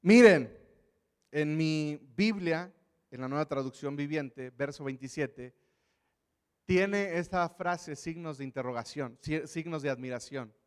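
A man preaching a lively sermon, animatedly acting out the voices of Bible figures. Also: a little high, measured pace, smooth, big-room sound.

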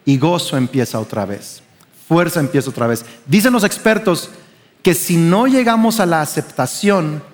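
A man's voice: fairly high pitch, expressive, normal speed, long reverb tail. A man with a Mexican Spanish accent preaching a sermon as pastor, conversational and often asking the congregation questions.

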